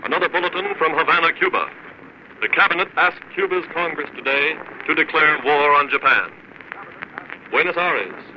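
A man announcing news bulletins in a brisk, formal 1940s radio style, heard as an old archival broadcast. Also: a little high. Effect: old archival radio broadcast sound. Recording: dull noisy 1940s radio recording.

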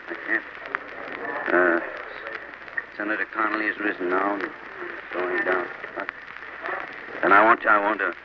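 Male American radio reporter, 1940s, very deep, hesitant live commentary over clearly noisy vintage audio. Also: lo-fi sound. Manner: halting, hesitant ad-libbed delivery.

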